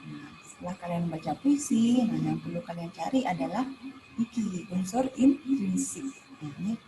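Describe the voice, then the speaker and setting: A woman's voice: on the low side, expressive, normal speed, over music. A woman teacher with a Balinese accent explaining poetry in an online class, full of "nah" and "ya" fillers. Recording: noisy livestream audio with background hum.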